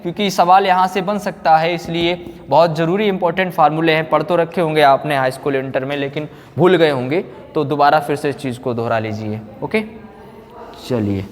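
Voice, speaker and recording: In an echoey hall, a man lectures on physics formulas, teaching in a didactic way and supplying answers to his own questions. His voice is a little high and his pace brisk.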